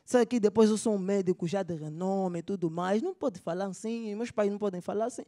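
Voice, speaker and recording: A comedian playing an embarrassed young doctor with an Angolan Portuguese accent, who pleads in a hushed, careful voice. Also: medium pitch, fairly quick, lightly acted. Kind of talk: stand-up comedy character voice.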